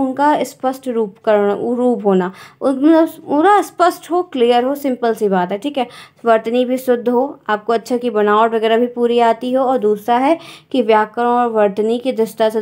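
A woman's voice: fairly high pitch, a little mellow. A woman teacher, giving an exam-prep grammar lesson and explaining step by step while checking in with her students.

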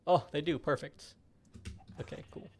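A man's voice: on the high side, moderate pace, darkish tone, slight background noise. A man streaming a game, chatting casually and thinking aloud as he plays. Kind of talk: casual gaming commentary.

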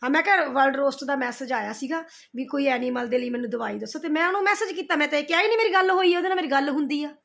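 In an animated, rapid-fire delivery with hardly any pauses, a middle-aged woman rants at the camera against her roasters. Her high voice is gravelly yet fairly bright. As a vlogger on the attack, she scolds, confronts, and hammers the same points repeatedly.

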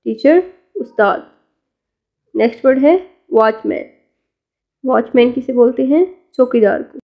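A woman with a fairly high voice teaches vocabulary, asking each question and answering it herself in a patient, steady drill. The recording sounds dull and lo-fi. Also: a little slow. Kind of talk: vocabulary lesson.

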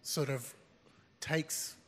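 A man's voice: drawn-out words, a bit bright. A man on a college staff speaking from the audience, hesitant with many fillers. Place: large semi-open hall. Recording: long hall reverb.

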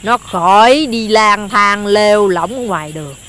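An actress, scolding slowly and quietly. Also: female voice, a little hiss or hum, natural voice. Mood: stern. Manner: slow, stern, low-voiced scolding. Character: stern village woman, middle-aged, scolding. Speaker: adult villager scolding children. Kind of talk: film drama acting.

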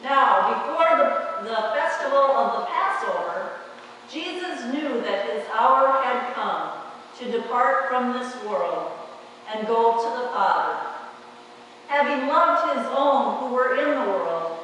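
A woman pastor reading scripture in a worship service, slow and measured, filmed from the back of a church sanctuary. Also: a little high, expressive, fairly bright tone, a little hiss or hum. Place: church sanctuary, large, indoors. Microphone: far camera at the back of the church. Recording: echoey church hall from far off.

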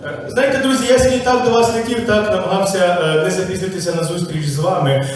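A man's voice: high-pitched, quick pace, a little hiss or hum. A man performing as a comic showman on a live stage, joking and rousing the audience. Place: live stage at a community gathering. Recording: echoey live venue from far off.

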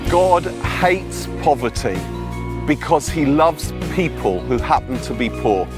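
A man outdoors giving a measured, solemn charity appeal. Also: a little high, big pitch swings, over music. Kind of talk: promotional appeal.

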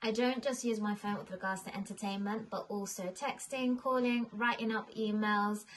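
Young woman explaining stuff to camera in her living room, normal pitch. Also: steady tone, normal speed, a little hiss or hum, low-quality recording. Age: young adult. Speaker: presenter demonstrating phone accessibility. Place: living room indoors, on a sofa.

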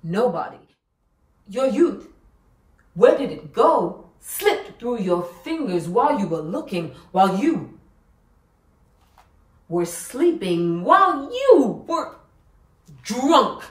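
An ominous fortune teller, played by a woman, delivers prophecy in a slow, theatrical way, dropping to a hush and then bursting loud. Her voice rises and falls widely. It sounds echoey and a bit distant from the mic. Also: fairly high pitch, big pitch swings. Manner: dramatic swings from hushed to shouted. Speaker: student actor performing a monologue. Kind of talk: theatrical stage monologue.

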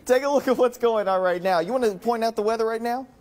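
A woman's voice: fairly high pitch, fast talker, a little mellow. A woman presenting a live weather report in a chatty way.

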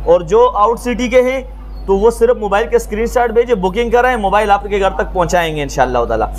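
A man in his thirties with a Pakistani accent speaks in a notably high voice. He pitches like an eager phone shop salesman talking to camera, repeating key selling points in practised patter. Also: lively intonation, fairly quick, slight background noise. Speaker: mobile phone shop seller. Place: small open-fronted mobile phone shop stall.

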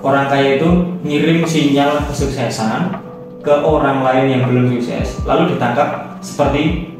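A man's voice: mid-range voice, unhurried. A young man hosting a casual book discussion, explaining at length with many fillers. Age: young adult. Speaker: discussion host. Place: small studio at a table. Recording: roomy echo from far off, music behind.

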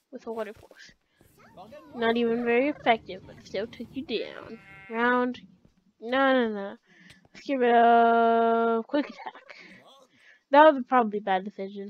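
High-voiced woman narrating her gameplay. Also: lo-fi sound. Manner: chatty, talks to herself and to game characters. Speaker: gaming channel host. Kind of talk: let's play commentary.

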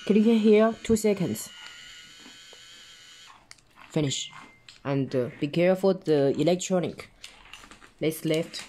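A man giving a hands-on tutorial, explaining each step in halting, simple phrasing as he demonstrates a device. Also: a little high, mellow, slight background noise. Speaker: product demonstrator.

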